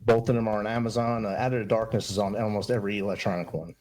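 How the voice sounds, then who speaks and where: A middle-aged Army veteran and mentor, appearing as a podcast guest in a casual interview, speaks earnestly, upbeat and motivational. His fairly low, darkish voice holds a steady tone while he races along.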